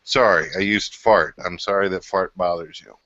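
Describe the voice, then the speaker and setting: A man's voice: low-pitched, fairly even intonation, normal speed, background noise. A man with a Missouri twang in a casual, heated debate, argumentative and colloquial, swearing freely. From Missouri, USA. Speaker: caller. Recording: muffled lo-fi voice call.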